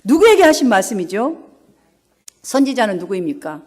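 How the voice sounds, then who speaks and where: A woman's voice: on the high side, big pitch swings, normal speed, a little mellow. A woman pastor delivering an emphatic sermon in a church, telling stories and laughing now and then. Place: church sanctuary.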